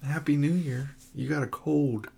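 A man's voice: a little high, fairly even intonation, normal speed, creaky, mellow, breathy edge. A man co-hosting a casual home podcast, joking and laughing while he sneezes and coughs with a runny nose. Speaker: podcast co-host.

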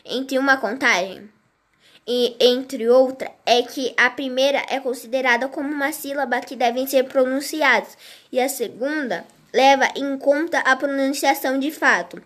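A woman reading a grammar lesson aloud in a slow, halting way, restarting words as she goes. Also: sits high, fairly bright tone. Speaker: teacher.

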